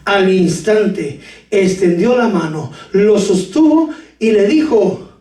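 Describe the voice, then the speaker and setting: A man preaching a lively sermon to his congregation with jokes, sudden shouts and talk of brothers. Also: high-pitched, slow pace. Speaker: pastor. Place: church hall. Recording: echoey church hall from far off.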